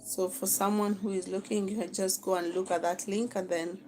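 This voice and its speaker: A woman's voice: mid-range voice, flat delivery, moderate pace, dark tone, faint music behind, poor audio. A woman with a Kenyan accent teaching a live online masterclass on social media management, coaching her viewers, repeating phrases and checking in with "okay?". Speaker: social media marketing instructor.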